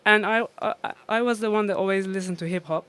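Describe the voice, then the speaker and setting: Woman DJ, smooth laughing storyteller. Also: medium pitch, quick pace, fairly bright tone. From Iran. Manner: laughs often, storytelling with many fillers. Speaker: DJ and guest. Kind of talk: casual interview.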